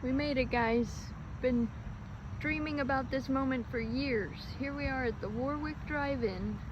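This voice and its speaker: Chatty high-voiced woman vlogging outdoors. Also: measured pace, lo-fi sound. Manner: chatty, upbeat, laughs often. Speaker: family hiking vlogger. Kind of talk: casual trail vlog narration. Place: outdoors on a hiking trail. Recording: noisy outdoor recording.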